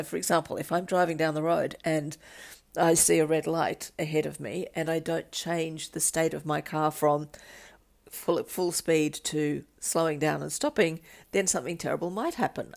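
Low, gravelly-voiced woman talking. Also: a little mellow. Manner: thoughtful, repeats words as she searches for them. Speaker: podcast host, coach. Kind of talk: solo talk on personal change.

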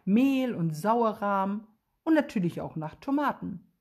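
A kind, curious young boy in a children's tale, as a woman reading aloud puts him on. He speaks calm and reassuring, close to a natural middle pitch. The voice is soft and breathy. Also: a little slow.

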